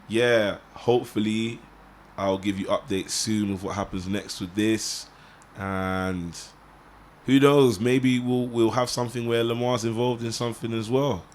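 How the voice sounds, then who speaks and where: A man's voice: lowish voice, unhurried. A young man, a film director, chatting casually and encouragingly with his cast after a shoot. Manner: relaxed, encouraging, joking. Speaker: film director and podcast host. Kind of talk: casual post-shoot chat.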